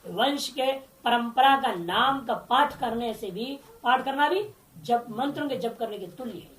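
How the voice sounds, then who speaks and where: A woman teaching a Sanskrit scripture commentary, reciting terms slowly and then explaining them with questions she answers herself. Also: fairly high pitch, fairly bright tone. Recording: echoey, mic far off.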